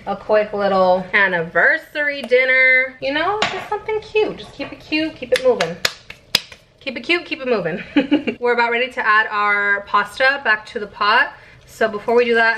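A woman's voice: on the high side, bright, forceful tone, slight background noise, low-quality recording. A young woman in her twenties chatting casually through a home cooking vlog, laid-back and giggly. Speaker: vlogger. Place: home kitchen. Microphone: camera set in the microwave.

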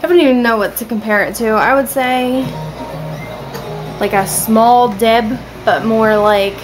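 A woman's voice: a little high, measured pace, music in the background, poor audio. A woman vlogging from home in a casual, rambling way, with lots of ums and restarts. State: has the hiccups. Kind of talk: casual vlog chat. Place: at home, indoors.

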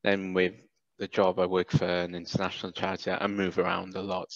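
Over a video-call headset from indoors, a British cap business founder in his thirties, raised in Wales, speaks with a low pitch and vocal fry. His casual interview chat is halting, packed with fillers and restarts, and the audio comes through dull and dry without room sound.

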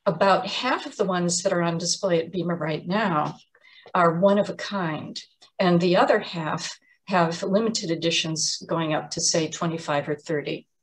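A woman giving an explanatory museum talk on artist's books, measured and often pausing with um and uh. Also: lowish voice. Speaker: art lecturer.

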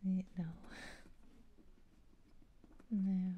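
A woman with a soft, breathy, whispering voice, murmuring to herself in short fragments as unhurried ASMR commentary. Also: on the low side, monotone, narrow, tinny audio, slight background noise.

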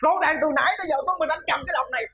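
A man's voice: very high voice, racing, creaky, bright, forceful tone, echoey room, faint music behind, heavily acted. An actor playing a quarrelsome neighbor who keeps a pet bird, accusing another man in a TV sitcom. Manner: heated, accusing. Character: quarrelsome middle-aged man who loves birds. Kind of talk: TV sitcom acting.

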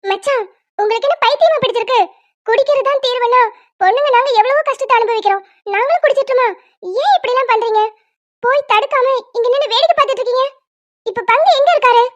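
A woman's voice: very high voice, brisk, long pauses, no echo, dull audio. A woman voicing a bossy, sensible young wife in a cartoon, who talks in a scolding, lecturing way. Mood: arguing. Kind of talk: cartoon voice acting.

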